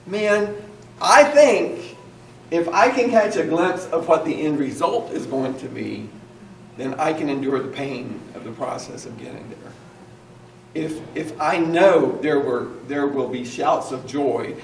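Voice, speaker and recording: A man's voice: a little high, unhurried, gravelly. A man pastor preaching an earnest sermon and calling on his congregation to repeat lines after him. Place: church hall. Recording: echoey room, mic at a distance, faint noise.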